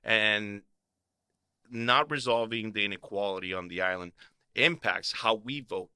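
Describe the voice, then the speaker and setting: Earnest podcast cohost guy, low pitched, really bright tense tone, dry close sound. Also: a little slow, clear, resonant tone, dry recording. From Puerto Rico, raised in Florida. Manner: earnest, restarts and repeats words. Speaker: podcast co-host. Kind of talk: conversational advocacy discussion.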